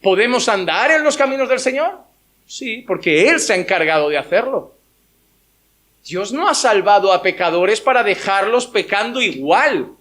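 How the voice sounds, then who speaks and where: Bright, high-voiced preaching pastor. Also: male voice. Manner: emphatic preaching with quoted voices and rhetorical questions. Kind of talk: sermon. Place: church.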